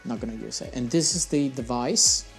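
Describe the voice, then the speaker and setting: A man's voice: mid-range voice, a little fast, creaky, soft background music. A young man hosting his fishing channel, talking casually through his gear at a desk in a small room on a lapel mic, with slightly phrasing. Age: young adult. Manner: casual, chatty, slightly non-native phrasing. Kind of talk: gear review vlog.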